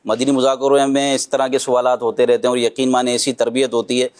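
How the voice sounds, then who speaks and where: A man hosting a religious discussion, gently advising and telling anecdotes. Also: medium pitch, little pitch movement.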